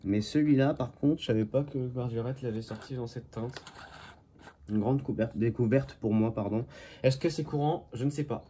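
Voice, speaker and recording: A man's voice: mid-range voice, moderate pace, mellow, slight background noise. A man from Normandy chatting casually as he shows his finds from a flea market, correcting himself often and dropping jokey asides. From Normandy, France. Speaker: toy car collector. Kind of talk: casual show-and-tell commentary.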